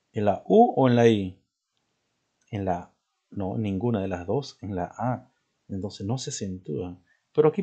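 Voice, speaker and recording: A man's voice: mid-range voice, mellow. A man teaching a grammar lesson step by step. He asks questions and answers them himself, and often checks in with short tag questions. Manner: explains step by step, asking and answering his own questions; points to something he is showing as he talks. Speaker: language teacher.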